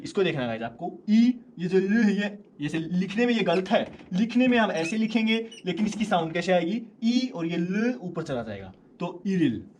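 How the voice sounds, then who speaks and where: A man teaching a language lesson in a casual way, slowly repeating words so learners can follow. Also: high-pitched, darkish tone, a little hiss or hum.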